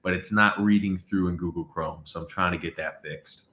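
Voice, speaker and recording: Brief: blunt, low-voiced male hockey co-host, echoey room from an unconnected mic. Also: fairly even intonation, normal speed, pushed and bright. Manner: blunt and argumentative, swears casually. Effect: echoey room sound from an unconnected mic. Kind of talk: casual hockey game commentary. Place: new room, set up not finished. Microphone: external mic not hooked up, backup mic.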